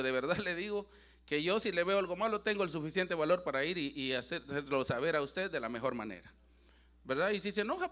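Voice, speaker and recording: A middle-aged man with a Central American Spanish accent preaches in church, and his voice sits fairly high for a man. He talks to the congregation like a testimony, earnest and conversational, calling them brothers again and again. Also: a bit bright. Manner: addresses the congregation constantly as brothers, with a habitual tag question. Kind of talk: sermon.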